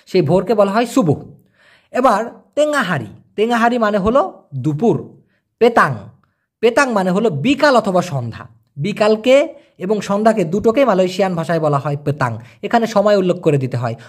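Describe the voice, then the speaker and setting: A man teaching as a language teacher, answering viewer questions and explaining step by step, often checking that listeners follow. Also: sits high.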